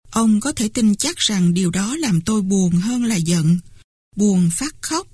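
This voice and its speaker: A woman reads a classic novel aloud in a steady first-person telling, her voice of middling pitch with a husky grain. The recording is close and dry, with no room sound. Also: no echo. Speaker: audiobook narrator. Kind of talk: scripted narration.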